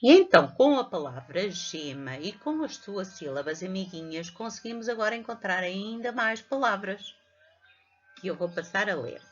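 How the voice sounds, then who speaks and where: A woman's voice: mid-range voice, animated, moderate pace. A middle-aged woman with a European Portuguese accent teaching a reading lesson to young children, patiently spelling out syllables. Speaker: primary school teacher. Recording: dull lo-fi home recording.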